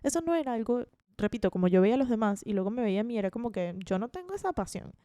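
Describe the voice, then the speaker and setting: A woman in her twenties with a Venezuelan accent talks rapid-fire on her podcast, her slightly high, mellow voice swinging widely in pitch. It's a casual, chatty monologue, self-deprecating and peppered with restarts, recorded with no room sound.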